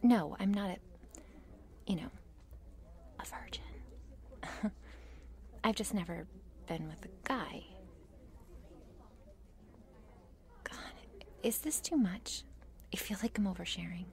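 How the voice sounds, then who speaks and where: This is a shy, meek cheerleader with a crush, acted by a woman in an intimate whispered role-play. She speaks slowly and haltingly, slipping between creaky murmurs and breathy whispers. Her manner is nervous, self-deprecating and apologetic. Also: medium pitch. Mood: shy, hesitant.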